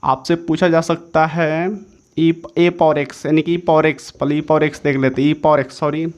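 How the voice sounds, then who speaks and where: A man's voice: on the high side, flat delivery, moderate pace, smooth. A man teaching an exam-prep maths lesson, repeating each step several times and correcting himself as he goes. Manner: self-correcting, says sorry mid-explanation.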